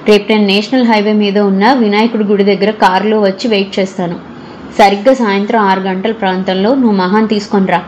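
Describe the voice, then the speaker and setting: A cold, menacing man, read by a woman storyteller, speaking low and quiet as he lays out a threat. The voice drops softer than the narration, for a spoken thriller, over faint noise. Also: fairly even intonation, fairly quick, close to an everyday voice.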